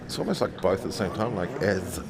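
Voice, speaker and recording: Fast-talking man with a broad Kiwi accent. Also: low voice, very animated. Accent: broad New Zealand (Kiwi). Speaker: commentator. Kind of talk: casual live motorsport commentary. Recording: clear outdoor vehicle noise. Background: cars and outdoor ambience.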